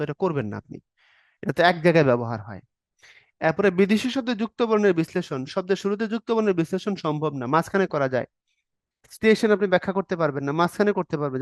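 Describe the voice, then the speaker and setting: A man with a fairly high voice teaching an exam-prep grammar class. He explains each rule step by step, acts out short example questions and answers, and keeps asking whether the students are following. The recording is dry and close. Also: no room sound.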